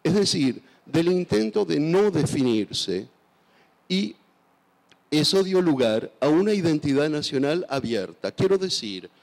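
Onstage at a big festival, a man from Argentina in his sixties, there as an author guest, responds to interview questions into a handheld mic. His voice is on the high side, gravelly and darkish, with big pitch swings and an unhurried pace. He is thoughtful and hesitant, full of fillers and restarts, and the sound carries a long hall reverb.

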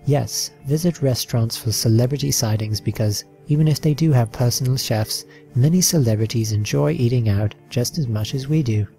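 A man's voice: medium pitch, moderate pace, vocal fry, few pauses, warm tone, faint music behind. Man reading a slideshow narration. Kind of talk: read-aloud narration over a slideshow.

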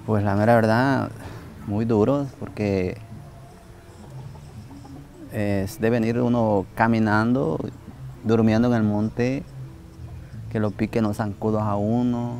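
A middle-aged man from El Salvador with a Salvadoran Spanish accent, speaking outdoors in a halting, plainspoken way with many fillers and restarts. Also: fairly low pitch, fairly even intonation, a little mellow, a little hiss or hum. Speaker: migrant worker. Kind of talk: documentary interview testimony. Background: music.

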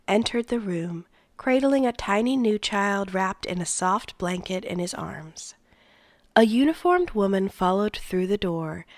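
Slow soft-spoken woman reading aloud. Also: medium pitch, dry recording. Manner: slow, soft, often near a whisper. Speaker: read-aloud narrator.

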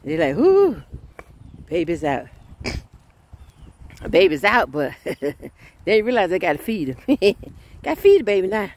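A woman, preaching a sermon in a lively folksy way and laughing often. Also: fairly low pitch, slow pace, pauses often.

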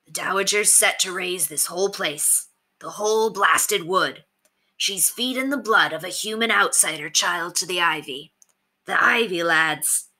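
In an audiobook story, a woman voices a male bandit king, grave, resolute and steely, using rustic phrasing in a slow, direct delivery. Her voice is lowish, pushed and bright.

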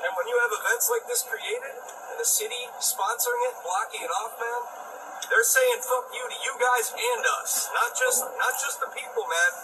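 A man's voice: very high-pitched, wildly swooping pitch, moderate pace. An American man talking earnestly and urgently to police officers in an impassioned street conversation. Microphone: police body camera, re-recorded from laptop speakers. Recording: distant, noisy bodycam audio replayed off a screen.

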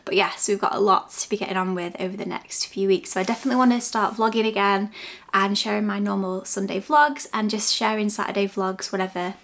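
A woman chatting casually to camera as a home and lifestyle vlogger, soft and friendly. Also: medium pitch, steady tone, fairly quick. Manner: soft, chatty, sometimes whispering. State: out of breath. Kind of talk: casual vlog chat to camera.

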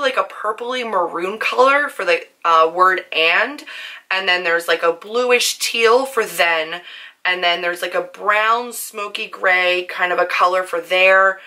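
A young woman with a hoarse, worn voice, chatting casually while demonstrating makeup on her channel. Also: medium pitch, sharp tone. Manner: chatty, filler-heavy, self-deprecating. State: hoarse from screaming. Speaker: beauty vlogger.

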